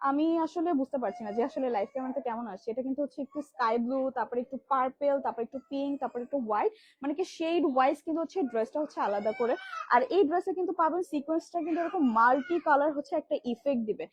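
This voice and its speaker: A woman from Bangladesh hosting a live stream, showing children's dresses in rapid, filler-heavy sales patter. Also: sits high. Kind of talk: live product demo selling kids' dresses. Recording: dull lo-fi livestream audio.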